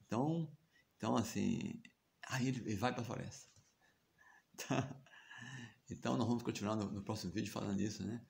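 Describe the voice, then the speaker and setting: A man's voice: on the low side, normal speed, vocal fry, long pauses, darkish tone, slight background noise. A man with a Brazilian accent retelling a scripture story in a chatty way, often asking listeners to agree. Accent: Brazilian Portuguese. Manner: chatty, frequent tag questions and chuckles. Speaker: devotional teacher.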